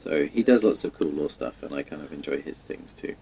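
A man's voice: extremely low pitch, lively intonation, a little fast, vocal fry, dark tone, slightly rough, poor audio. A man chatting casually about video games, rambling and restarting his sentences with lots of "like". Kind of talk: casual chat.

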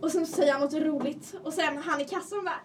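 High-voiced, giggly young woman. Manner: giggly, animated storytelling. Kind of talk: casual chat. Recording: distant mic with faint background noise.

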